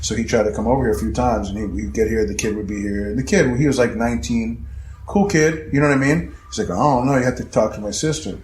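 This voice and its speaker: A man telling a story in casual conversation, animated and profane, acting out other people's voices as he goes. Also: mid-range voice, quick pace, slight background noise. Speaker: guest storyteller. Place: house interior. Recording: echoey room, faint ambience.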